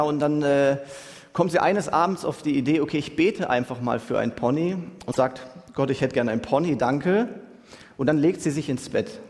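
A man's voice: a little high, a little mellow. A young man preaching a sermon in a casual, youthful way, using slang words and asking his listeners "right?" again and again. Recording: long hall reverb.

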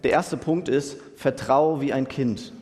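A man's voice: medium pitch, measured pace, darkish tone. A young man preaching a sermon in a casual, youthful way, using slang words and asking his listeners "right?" again and again. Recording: long hall reverb.

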